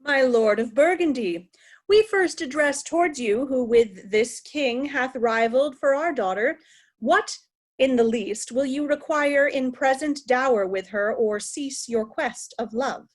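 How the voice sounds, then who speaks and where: A woman's voice: high-pitched, measured pace. A woman playing a proud, wrathful old king in formal, commanding Shakespearean stage verse. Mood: cold, formal. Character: old king Lear, proud, wrathful, imperious male monarch. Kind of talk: Shakespeare reader's theatre acting.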